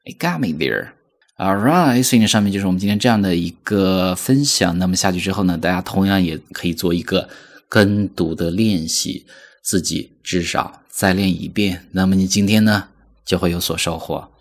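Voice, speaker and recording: Low-voiced man teaching English phrases. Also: fairly even intonation. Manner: models English phrases slowly for repeating, explains in Mandarin. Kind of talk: spoken English lesson.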